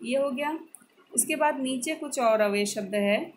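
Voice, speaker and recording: Brief: woman schoolteacher, higher voice, slow deliberate delivery, faint room hiss. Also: rough recording. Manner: slow, deliberate, repeats each word with its meaning. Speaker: school Sanskrit teacher. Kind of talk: classroom lesson explaining grammar.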